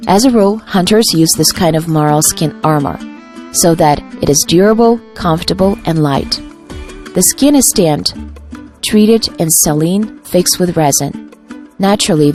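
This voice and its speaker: Low-voiced woman reading a documentary voice-over. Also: darkish tone. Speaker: voice-over translator.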